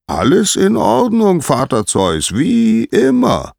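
Chirpy sun god, high and eager, gravelly edge, man doing the voice, dry sound. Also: huge pitch swings, slow, a little mellow, dry recording, heavily acted. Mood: eager, obliging. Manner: chirpy, obliging, repeats himself.

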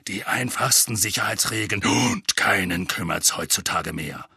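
A man's voice: deep voice, unhurried, gravelly, pushed and bright, breathy edge, dry recording, studio quality, full character voice. A man growling as a grizzled, paranoid old wizard. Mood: gruff.

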